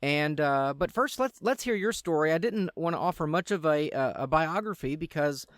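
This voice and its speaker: A man who is a pastor hosting a talk radio show, speaking casually and haltingly with many fillers. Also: a little high, animated, a bit bright, no echo, studio quality. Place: radio studio.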